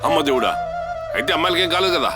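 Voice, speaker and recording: An actor playing an enthusiastic film producer who speaks expressively. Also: male voice, a little high, rapid-fire, music in the background, natural voice. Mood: enthused. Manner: lively, expressive. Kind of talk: comic film acting.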